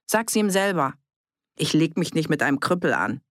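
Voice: medium pitch, sing-song, moderate pace, a bit bright, no echo, clean studio sound. A reader voicing a blunt, grumbling village innkeeper man in an audiobook.

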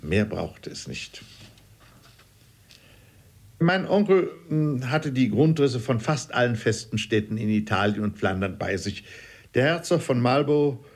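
A man narrating a classic novel as an audiobook reader, wry and lively. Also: medium pitch, a little slow.

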